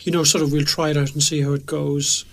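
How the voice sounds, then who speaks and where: A man's voice: a little high, little pitch movement, quick pace, gravelly. A middle-aged man discussing relationships on radio, thoughtful and a bit hesitant. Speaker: radio show co-presenter. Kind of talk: conversational discussion.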